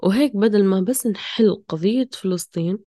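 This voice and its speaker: A woman's voice: medium pitch, brisk, dark tone, no echo, studio quality. A woman talking casually and passionately, questioning herself in fragmented bursts. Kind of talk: casual, impassioned conversation.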